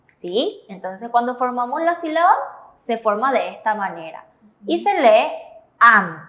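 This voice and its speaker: Woman with a Paraguayan Spanish accent, co-host, higher voice, asks and affirms, roomy echo. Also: big pitch swings, moderate pace. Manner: asks the teacher leading questions, repeats answers approvingly. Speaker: Spanish-speaking co-host of a Korean lesson. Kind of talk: classroom-style explanation on a TV lesson.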